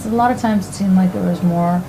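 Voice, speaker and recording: A woman's voice: on the low side, brisk, creaky, noisy background. A woman speaking candidly and reflectively about supporting someone in the military. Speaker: military family member. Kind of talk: interview testimony.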